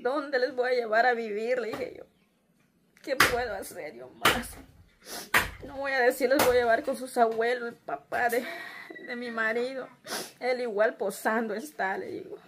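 A woman's voice: fairly high pitch, vocal fry, noisy background. A young woman with a Guatemalan accent telling her hardships in an interview, tearful and often quoting her conversations with her children. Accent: Guatemalan Spanish. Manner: tearful, retells conversations in quoted speech. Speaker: interviewee, struggling mother. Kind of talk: emotional personal account. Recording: loud music underneath.

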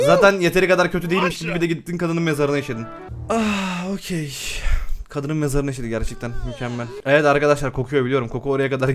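A young man giving loud, excitable commentary while playing a life-simulation game, laughing and exclaiming often. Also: a little high. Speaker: gaming YouTuber. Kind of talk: excited let's-play commentary.

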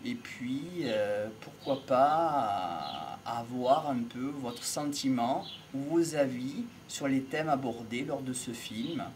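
An older man speaking slowly and reflectively to camera with a handheld mic, seated outdoors in a country field, with faint birdsong behind. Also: medium pitch, darkish tone, slight background noise. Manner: measured, pausing often, philosophical. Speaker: speaker on voice and communication. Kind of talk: slow reflective monologue to camera. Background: faint outdoor ambience with birds.

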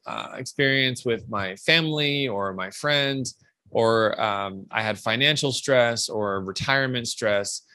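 Guy explaining stuff calmly like a clinician, middle pitch, super dry close mic. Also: no room sound. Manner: measured, explanatory, lecturing. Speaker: audiologist guest. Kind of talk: explanatory interview answer.

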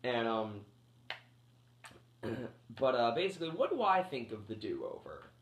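This thirty-ish man reviews a film in a meandering way, restarting often and leaning on fillers, with a cough left over from a cold he's getting past. His mid-range voice swings widely in pitch at a measured pace, and the room echoes.

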